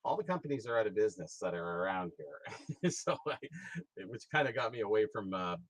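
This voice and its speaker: A man's voice: lowish voice, very animated, a little fast, dry recording, poor audio. A middle-aged man talking casually as a guest, rambling with many fillers and restarts. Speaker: guest, hobby historian and price guide author. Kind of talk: casual conversation.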